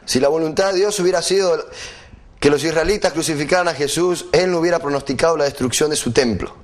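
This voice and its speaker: A middle-aged man preaching a sermon, asking the congregation rhetorical questions and reading scripture slowly. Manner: quotes scripture at a slower, lower pitch.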